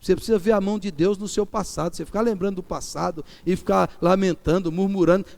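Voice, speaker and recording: A middle-aged Brazilian pastor preaching in a Brazilian Portuguese accent, his voice fairly high and gravelly. The tone sits warm and dark. He hammers phrases again and again, going from loud emphasis to near-whispered pleading. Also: fairly even intonation, fast. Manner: repeats key phrases, shifts from loud emphatic peaks to soft quiet pleading. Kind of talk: sermon.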